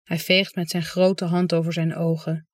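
An audiobook reader giving calm, understated first-person literary narration. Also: mid-range voice, moderate pace, dry recording, clean studio sound.

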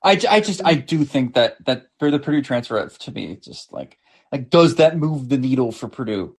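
A man's voice: medium pitch, sing-song, moderate pace, breathy edge. A man co-hosting a sports podcast, talking casually and repeating words as he thinks. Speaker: podcast co-host.

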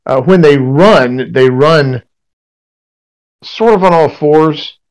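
A man narrating a tabletop role-playing game as game master, piecing his descriptions together haltingly. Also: on the high side, poor audio.

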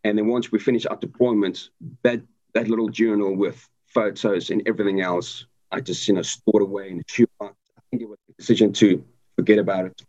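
Speaking as an interview guest, this army veteran from South Africa recounts his experiences haltingly, full of ums and false starts. He has a dark, fairly low voice with fairly even intonation and a fairly quick pace. The lo-fi recording has a dull quality.

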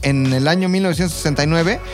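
A man with a Mexican accent and a fairly high voice talks fast, telling history like casual gossip. As a podcast co-host, he explains things informally with slang and imagined quotes. Background music plays.

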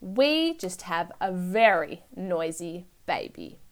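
A woman's voice: lowish voice, very animated, takes it slowly, pitched below the performer's own voice. Woman reading as storybook brothers. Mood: matter-of-fact. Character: boy brothers answering the door together.

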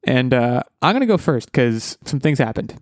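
A man's voice: mid-range voice, sing-song, moderate pace, dry recording. A man hosting a podcast in casual chat, rambling and joking with lots of fillers and restarts. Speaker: podcast host.

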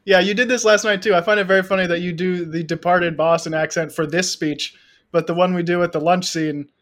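A man appearing as a guest on a film podcast, amused and hesitant, full of likes and pauses. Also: sits high, fairly even intonation, fairly bright tone. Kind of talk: casual film discussion.

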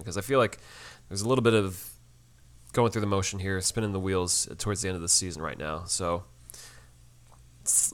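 Male podcast co-host, easygoing, laid-back episode recap, lowish voice, laughs easily. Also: fairly bright tone. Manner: easygoing, says "man" a lot, laughs. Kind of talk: casual chat recapping a TV episode.

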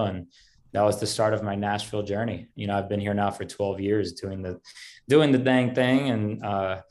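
A man in his thirties with a fairly low, darkish voice talks loosely as a guest in a casual podcast interview. He's a country singer from Miami, United States, and Spanish is his first language. His talk is easygoing and meandering, thick with fillers such as "um" and "you know."

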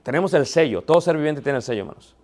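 A man teaches a Bible theology class. His voice sits a little high for a man. He poses rhetorical questions, answers them himself, and often checks with the class. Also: lively intonation, rapid-fire, darkish tone.

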